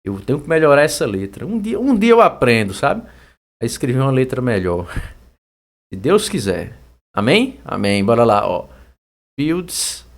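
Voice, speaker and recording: A young Brazilian man teaching an exam-prep Portuguese lesson in a chatty, lively way, now and then shouting out words to show the stressed syllable. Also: mid-range voice.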